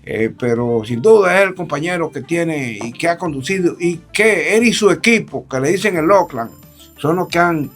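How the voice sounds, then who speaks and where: Gravelly older Dominican man telling a story. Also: fairly high pitch, normal speed, faint music behind. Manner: animated, acts out quoted dialogue. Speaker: politician guest. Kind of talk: storytelling interview.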